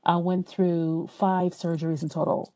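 A French woman with a French accent speaks in a lowish, dark voice, keeping a level tone and a measured pace. She's a podcast guest in a personal interview, talking earnestly and reflectively, often hesitating and starting over.

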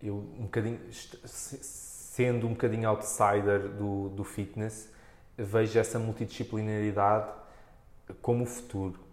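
A man's voice: lowish voice, flat delivery, moderate pace, darkish tone. European Portuguese man talking in an echoey room. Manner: hesitant, thinking aloud, acts out clients' remarks. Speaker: interviewer and body practitioner. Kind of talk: casual podcast conversation.

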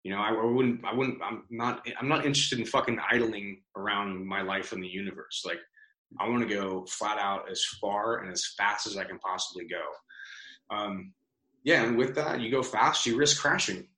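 A business founder appears as a guest on a podcast interview, speaking casually with plenty of fillers and swearing. His voice is on the low side, pushed and bright, at a normal speed, in a roomy, echoey recording.

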